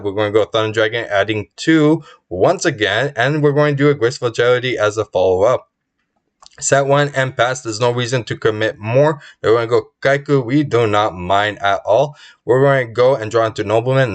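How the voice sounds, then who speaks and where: A man hosts his channel and narrates a card game match move by move. He is upbeat and tags each play with a quick verdict. His voice is getting worn out. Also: mid-range voice. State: losing his voice. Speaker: channel host.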